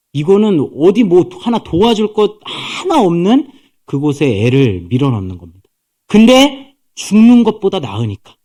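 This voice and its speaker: A male pastor preaching a sermon in an animated storytelling way, acting out the characters' voices. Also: on the high side.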